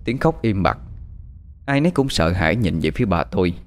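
A man narrating a story in a calm, measured scripted reading. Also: low voice, soft background music.

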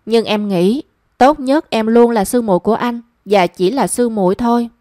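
A woman's voice: fairly high pitch, moderate pace, dark tone, no room sound, studio quality, natural voice. A woman reading the lines of a proud young woman who answers guardedly and with reproach. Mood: hurt.

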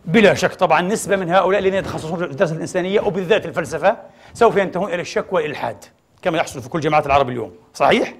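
A man's voice: fairly high pitch, rapid-fire, a little hiss or hum. A man giving a formal religious lecture to an audience, often posing rhetorical questions and answering them himself.

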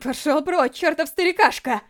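A woman voicing a frightened young nurse with shrill, shaky outbursts in a storybook reading. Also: moderate pace, fairly bright tone.

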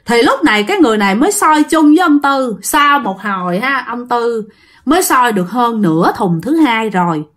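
A woman's voice: on the high side, animated, normal speed, a bit bright. A woman with a Southern Vietnamese accent, hosting a ghost story channel and narrating in a chatty way, often addressing her listeners.

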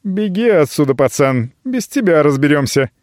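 A man voicing a sardonic, burly knight who speaks in a slow, mocking drawl, recorded dry and close. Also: a little high, big pitch swings, darkish tone, no room sound.

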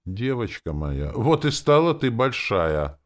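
A kindly older woman teacher in an audiobook, gentle and coaxing, voiced by a man. The voice is lifted above the reader's deep tone and moves lively. She speaks warmly to the dog. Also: slow pace.

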